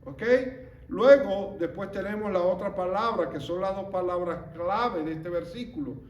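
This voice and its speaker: A man teaching a Bible study lesson, explaining slowly and stopping often to ask rhetorical questions. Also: sits high, echoey room, muffled recording.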